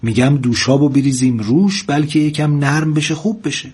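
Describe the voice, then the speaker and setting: Guy doing a softie naive wanderer from a folk story, raised voice, pleading and pitying, a bit husky. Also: on the high side, fairly even intonation, voice pushed up. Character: tender-hearted, naive country wanderer.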